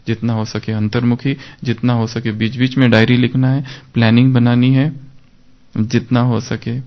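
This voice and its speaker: A man giving a devotional class, animated and acting out his own inner self-talk. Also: fairly low pitch, gravelly, muffled recording. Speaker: spiritual teacher.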